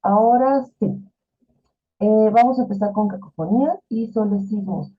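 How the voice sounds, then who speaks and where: A woman's voice: mid-range voice, moderate pace. A woman teaching an online class, explaining in a chatty way with fillers and rhetorical questions. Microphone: video call. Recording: tinny phone-like video call audio.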